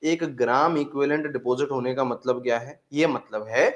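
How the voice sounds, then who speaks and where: A man's voice: mid-range voice, moderate pace. A man teaching a chemistry class online, calling the students "beta" and repeating each phrase to drive it home. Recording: echoey room.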